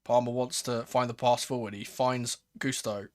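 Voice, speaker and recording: A man hosting a live football watchalong, calling the play in a casual, excitable fan's manner. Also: medium pitch, normal speed. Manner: excitable, swearing, shifting from murmured play-by-play to raised exclamations. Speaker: host of a football watchalong stream. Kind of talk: live football commentary with casual fan reactions.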